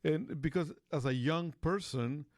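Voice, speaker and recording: A man's voice: on the high side, unhurried, darkish tone, no echo, clean studio sound. A man from Costa Rica hosting a talk radio show, rambling in casual chat with lots of fillers and restarts.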